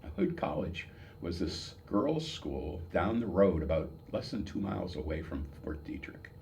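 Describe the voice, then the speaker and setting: An elderly American man in his seventies, an old veteran remembering his service days, telling stories off the cuff in a halting, reminiscing way with pauses and repeated words. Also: low voice, sing-song, gravelly, a little mellow, slight background noise. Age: 70s. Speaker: military veteran giving an oral history. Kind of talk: old veteran remembering, unscripted personal storytelling.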